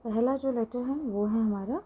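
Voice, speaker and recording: A woman's voice: a little high, moderate pace, phone-quality sound, slight background noise. A woman teaching an online language lesson, explaining patiently while writing things out and mixing in English phrases. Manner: writes on a board while explaining.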